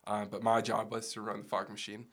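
A man with a gravelly, hoarse voice that sounds like it is giving out, chatting casually as an interview guest. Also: on the low side, monotone, a little fast, a bit bright. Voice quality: gravelly, losing his voice. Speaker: podcast guest, church production staff. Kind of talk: casual interview, recounting his background.

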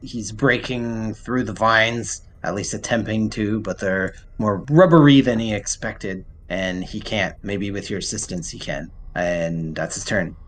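A low-voiced man runs a tabletop game as game master, switching between rules calls and narration. Some room noise sits behind him. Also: a little slow, hardly any pauses, fairly bright tone.

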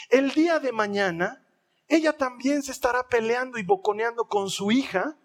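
Animated high-voiced pastor. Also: male voice. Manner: animated, humorous, acts out scenes. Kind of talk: sermon.

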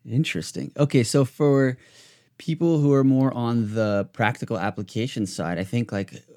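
A mid-range, slightly mellow voice at a moderate pace belongs to a U.S. podcast host. He rambles through casual chat, stumbling into fillers and restarting sentences.

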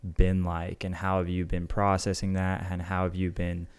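A man hosting a podcast interview, asking gentle, probing questions. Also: sits low, monotone, normal speed, clean tone. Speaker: podcast host.

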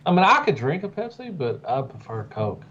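A man in a relaxed, rambling casual chat about toy collecting, with lots of fillers. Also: mid-range voice, a little fast. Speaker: podcast co-host. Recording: muffled lo-fi sound with faint background noise.

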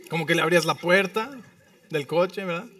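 A man's voice: high voice, sharp tone, no room sound, far from the mic. A man preaching as a pastor in a church, telling stories with humor and checking in with the congregation through frequent tag questions. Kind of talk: sermon. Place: church sanctuary.

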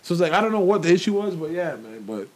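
A man who talks fast, tumbling through a casual story full of slang and false starts. His voice sits a bit higher than most men's, and he keeps slipping into little impressions of the people he's describing. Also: big pitch swings. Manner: rambling storyteller, acts out quotes, lots of slang and restarts. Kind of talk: casual chat about hip-hop gossip.

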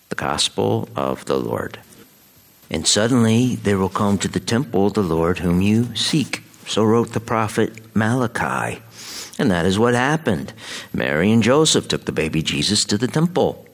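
Deep, creaky-voiced American priest. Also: male voice, fairly bright tone. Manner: solemn, measured liturgical delivery. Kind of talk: Mass scripture readings and homily.

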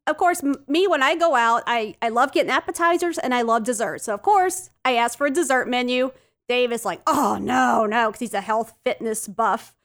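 A woman co-hosting a talk show, telling a casual story in a chatty, animated way. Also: fairly high pitch, normal speed. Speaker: co-host.

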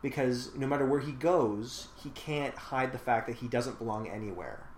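A podcast host with a mid-range voice discusses a film casually at normal speed, talking thoughtfully and at length with many fillers. The room is echoey, with faint noise in the background.

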